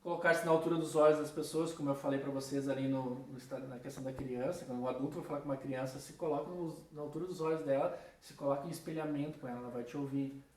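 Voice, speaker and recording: A man lectures on philosophy in a casual style, speaking directly to students, in a roomy recording captured from a distance. His voice is mid-range and darkish, with fairly even intonation and a fast delivery.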